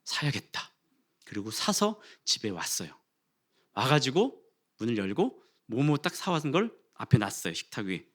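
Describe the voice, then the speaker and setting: A man in his forties preaching a sermon in a church, telling a funny personal story with lively acted-out dialogue. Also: mid-range voice, normal speed. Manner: animated storytelling, acting out quarrels and rising to loud exclamations. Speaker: pastor. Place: church sanctuary.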